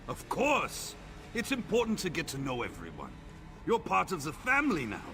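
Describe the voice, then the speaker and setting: A man's voice: a little high, wildly swooping pitch, moderate pace. An actor playing a friendly, effusive male hunter who welcomes a newcomer like a big brother, in video game dialogue. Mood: eager. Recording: game audio with faint music.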